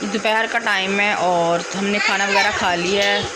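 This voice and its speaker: A hoarse young woman, a mother, chatting affectionately to the camera in a casual home vlog. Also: mid-range voice, fairly even intonation, moderate pace, heavy background noise. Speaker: mother vlogger. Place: family home indoors.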